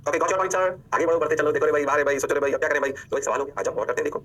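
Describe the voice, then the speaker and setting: Male physics teacher, quick patter, higher-pitched, playful and animated delivery. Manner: animated, playful catchphrases, rhetorical questions to students. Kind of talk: energetic online lecture.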